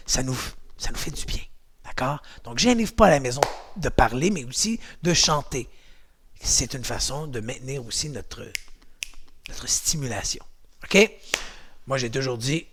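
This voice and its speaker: A man's voice: fairly high pitch, gravelly, husky. A man with a Québécois accent, leading a home exercise and martial arts class in a chatty, encouraging, playful way. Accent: Québécois French.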